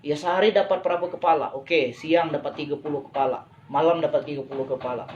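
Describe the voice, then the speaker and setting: Guy doing a pushy business pitch on a live stream, keeps going "right?", a bit muffled with faint hiss. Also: steady tone, fast talker. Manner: persuasive, keeps asking for agreement; repetitive, emphatic phrasing. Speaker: business motivational speaker.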